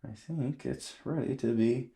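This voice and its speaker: A man on his first film, talking excitedly and ramblingly about landing the role. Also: mid-range voice, a little slow, gravelly, slightly rough. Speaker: actor. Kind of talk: casual interview chat.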